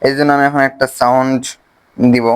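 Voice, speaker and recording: Man, bangladeshi bengali accent, medium pitch, unhurried tutorial narration, step-by-step. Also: little pitch movement, clean tone. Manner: casual step-by-step explaining with pauses. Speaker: video editing tutor. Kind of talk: screen-recorded software tutorial.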